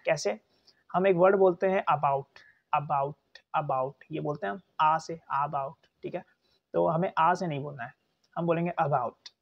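A young man gives a relaxed pronunciation lesson, saying each word slowly and more than once. His voice sits a bit high and has a gravelly, creaky edge. The recording sounds dull and lo-fi. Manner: patient, repeats words slowly, chatty asides. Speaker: English pronunciation teacher. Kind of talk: casual spoken lecture.

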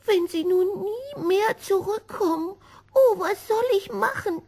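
Gobbolino, squeaky little kitten voiced by a woman. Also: expressive, unhurried, dark tone, heavily acted. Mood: worried. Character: small young male kitten, anxious then hopeful. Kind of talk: storybook reading.

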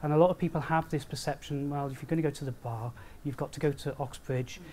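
A man's voice: on the high side, fairly even intonation, fast talker, a little mellow, slight background noise. A man chairing a barristers' panel in a seminar room, earnest and checking in with his audience. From Wales. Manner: earnest, checks in with 'all right?'. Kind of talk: moderating a panel talk.

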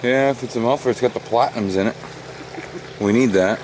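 A man's voice: mid-range voice, a little fast, noisy background. A man on a small fishing boat, chatting casually and joking to the camera, swearing freely. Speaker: fishing vlogger. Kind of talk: casual outdoor chat with jokey commentary. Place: small fishing boat on a marshy bay outdoors.

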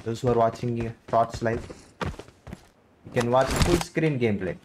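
A man with a Telugu Indian accent commentates on live gameplay. He talks informally and chattily to his viewers in a mid-pitched voice. The recording has clear background noise and clicking. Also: moderate pace. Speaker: game live streamer.

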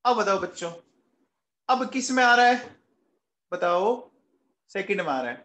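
A man's voice: high-pitched, very animated, a little slow, fairly bright tone, echoey room, highs cut off. A man teaching a chemistry class who coaxes his students with questions and then answers them himself, affectionately calling them kids. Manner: calls students "beta" and "bachche" affectionately. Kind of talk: classroom lecture.

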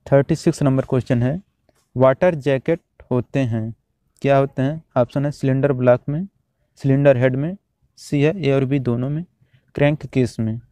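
A man teaching, reading out quiz questions and their options one by one, then repeating each answer in a steady drill. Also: mid-range voice, moderate pace, dry recording. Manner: steady, repetitive exam-drill delivery.

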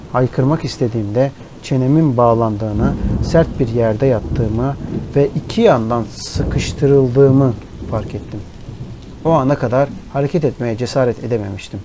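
A man reading a story aloud in a measured, somber storytelling manner. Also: mid-range voice, warm tone, a little hiss or hum. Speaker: narrator. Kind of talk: scripted audiobook narration. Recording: rain and thunder behind the voice. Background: rain and thunderstorm ambience.

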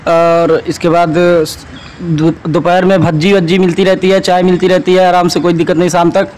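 A young man answering casually in an outdoor canteen, relaxed, listing things one by one. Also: sits high, moderate pace, a little hiss or hum, low-quality recording. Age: young adult. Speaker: student being interviewed.

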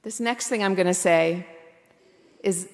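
Slow-speaking woman pastor in reverb. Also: lowish voice. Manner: reflective, candid, slows for emphasis. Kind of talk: sermon. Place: church.

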